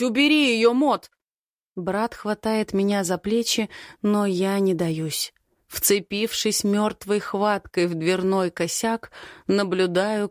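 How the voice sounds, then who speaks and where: A woman narrating a first-person story as an expressive, dramatic audiobook reading. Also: medium pitch, no room sound, clean studio sound.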